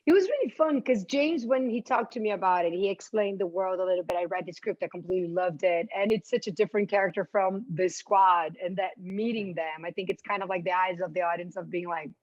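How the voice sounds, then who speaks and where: A woman's voice: fairly low pitch, fairly quick, few pauses, a little mellow, no echo, muffled recording. A woman actress being interviewed at a press junket, talking enthusiastically and repeating words as she searches for them.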